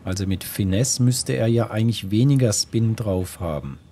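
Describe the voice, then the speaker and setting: A man's voice: on the low side, normal speed, mellow, a little hiss or hum. A man giving casual gameplay commentary, musing and thinking aloud to himself as he plays. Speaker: gamer, let's play host.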